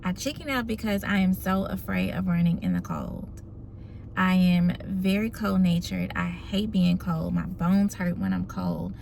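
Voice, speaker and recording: A woman's voice: fairly low pitch, expressive, unhurried, gravelly, darkish tone, a little hiss or hum. A woman in her forties talking casually and personally to her vlog audience. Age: 40s. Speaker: running vlogger.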